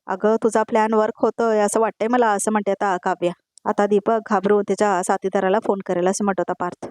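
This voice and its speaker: A woman's voice: medium pitch, darkish tone, no echo, studio quality. A woman narrating a television serial recap, reading every character's lines and then naming who said them. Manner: retells each line then names the speaker. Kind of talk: voice-over recap reading all parts.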